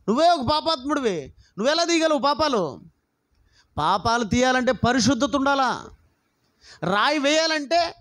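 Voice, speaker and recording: A man's voice: very high-pitched, a bit bright. A man preaching a sermon as a pastor, passionate and full of rhetorical questions put straight to the listeners. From Andhra Pradesh, India. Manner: impassioned, rhetorical questions, addresses listeners directly.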